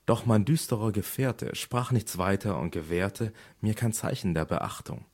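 A man with a very low, husky voice recites dramatic poetry. His delivery is declamatory, building to urgent, louder passages and then dropping into slow, murmured refrains. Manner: declamatory, rising to urgent outbursts and sinking to slow, hushed refrains. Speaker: audiobook reader.

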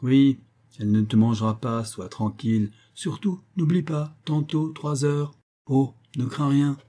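A man reading aloud and voicing a hurried, jovial man who urges his old friend along in a brisk, pushy way. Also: medium pitch, steady tone, dark tone, voice pushed up, close to an everyday voice.

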